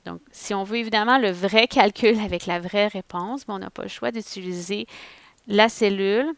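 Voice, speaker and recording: A woman walks through a screen-recorded tutorial as a patient teacher, narrating each step as she thinks it through. Her voice carries a gravelly fry. The recording is dry and close, with no room sound. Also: medium pitch, moderate pace, fairly bright tone, dry recording.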